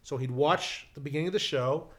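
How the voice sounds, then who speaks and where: A middle-aged man, a television writer, telling a lively anecdote in casual conversation, with frequent restarts and asides. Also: fairly high pitch, brisk.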